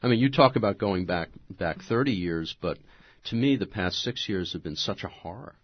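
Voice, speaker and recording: Low-voiced male radio host. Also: animated, normal speed, dry recording. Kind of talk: radio interview. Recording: dull lo-fi radio sound.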